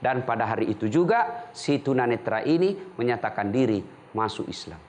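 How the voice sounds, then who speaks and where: A man preaching on a TV show, lively and joking, telling humorous stories and often laughing as he speaks. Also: medium pitch, a little fast.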